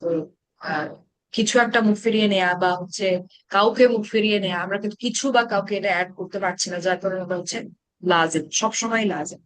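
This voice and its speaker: A woman with a Bangladeshi Bengali accent leads an online grammar class and explains each point patiently. She asks her students questions as she goes. Her voice sits at a middle pitch and sounds dry and close. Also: fast talker, dry recording. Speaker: Arabic grammar teacher.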